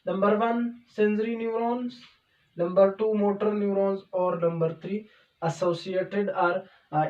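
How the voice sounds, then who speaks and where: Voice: medium pitch, darkish tone. A biology teacher giving a step-by-step lecture, pointing at a diagram, asking rhetorical questions and then answering them. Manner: asks rhetorical questions and answers them, repeats "okay" often. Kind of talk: explanatory video lecture. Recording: dull, roomy sound from a distance from the mic.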